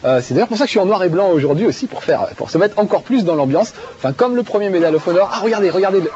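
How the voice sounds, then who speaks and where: A man's voice: high voice, lively intonation, rapid-fire, a little mellow. A male TV video game show host who chats enthusiastically and laughs often while playing a game, with many fillers. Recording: dull TV broadcast audio with faint music.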